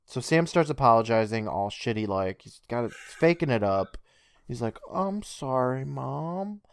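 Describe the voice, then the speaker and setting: A man hosting a podcast, reading announcements and retelling TV scenes in an animated way. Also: fairly low pitch, normal speed, clear, resonant tone. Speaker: podcast host. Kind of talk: casual podcast recap and announcements.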